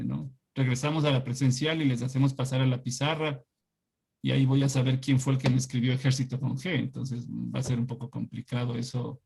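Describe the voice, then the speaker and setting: A man's voice: medium pitch, vocal fry, a little mellow, slightly rough. A middle-aged man from Ecuador teaching an online class, telling anecdotes in a chatty way and often asking "¿no?".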